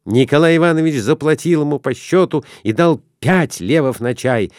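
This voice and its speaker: A man reading an audiobook in scripted narration, expressive and unhurried. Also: on the high side, dry recording, clean studio sound. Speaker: audiobook reader.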